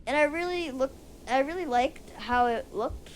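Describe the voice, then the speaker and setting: A woman with a squeaky voice giving casual, rambling gameplay commentary, often going off on tangents and restarting her sentences. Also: normal speed, slight background noise, low-quality recording. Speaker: gaming video creator. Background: faint music and controller clicks.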